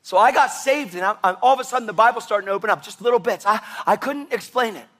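A man preaching a sermon, animated and impassioned, with sudden loud bursts. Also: high voice, fast.

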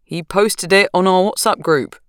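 A woman narrator voicing a calm, patient husband, speaking easily and affectionately. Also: on the low side, moderate pace, smooth, dry recording, clean studio sound, pitched above the performer's own voice, close to an everyday voice. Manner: easy, soothing, affectionate.

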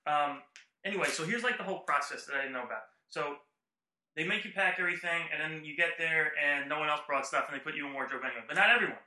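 Fast-talking bright-voiced man telling a story. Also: fairly high pitch. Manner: animated, acts out quoted lines. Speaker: podcast co-host. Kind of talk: casual chat, storytelling. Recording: roomy echo.

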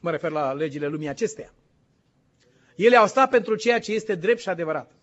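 A man's voice: sits high, lively intonation. A man preaching a sermon as pastor, impassioned and quizzing his congregation. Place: church in the United States. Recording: dull lo-fi recording.

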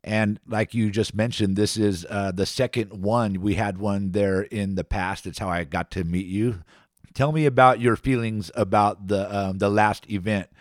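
A man with a fairly low voice hosts a community radio interview. He talks in a relaxed, conversational way, pausing on fillers. The sound is dry and close. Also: no room sound. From Antioch area, Contra Costa County. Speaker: radio show host.

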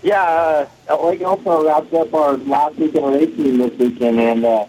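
A man's voice: fairly high pitch, steady tone, normal speed, a little mellow, a little hiss or hum. A racing driver, a man, giving a matter-of-fact phone-in interview, his voice heard over a phone line. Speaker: off-road racer calling in as guest.

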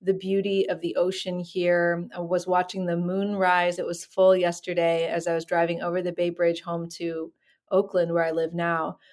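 A middle-aged woman from the San Francisco Bay Area, a physician and co-author, speaking in a reflective, measured way with many fillers. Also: lowish voice, a little mellow. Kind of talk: interview conversation.

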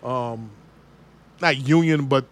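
A man's voice: mid-range voice, slow pace. A man hosting a casual interview, asking long rambling questions and restarting them as he goes. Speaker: podcast host.

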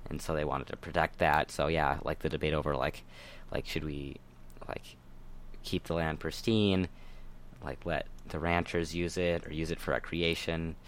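Very deep-voiced young man, rambling. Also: flat delivery, a little hiss or hum. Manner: rambling, hesitant, halting. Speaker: podcast co-host. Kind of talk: casual podcast chat.

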